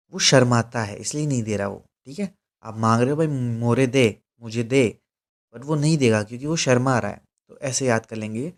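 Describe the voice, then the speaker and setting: A man's voice: medium pitch, a little mellow, no echo. A man teaching English vocabulary for exams in a casual, chatty way, often checking in with his listeners. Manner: chatty, keeps checking in with "ठीक है?". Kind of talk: casual exam-prep lesson in Hindi.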